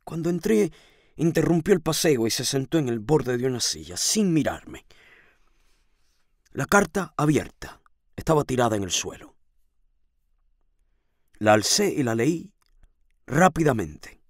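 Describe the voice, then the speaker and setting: A man narrating a novel as an audiobook reading, in expressive, measured storytelling. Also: mid-range voice, dry recording, clean studio sound.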